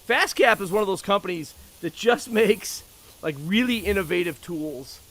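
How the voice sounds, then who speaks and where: A man's voice: high-pitched, expressive, normal speed, fairly bright tone. A man chatting casually and talkatively, with joking asides, as he shows off things. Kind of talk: casual chat about tools.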